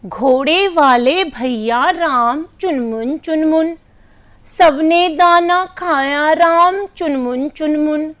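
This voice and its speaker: A woman voicing a small trapped female sparrow in a slow sing-song chant, in a story told to children. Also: high voice.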